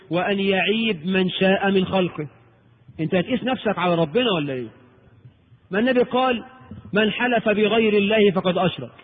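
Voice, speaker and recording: A man preaching a lecture in Egyptian Arabic, animated and rhetorical, asking and answering his own questions. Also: sits high. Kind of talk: recorded Islamic lecture. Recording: tinny old tape in a reverberant hall.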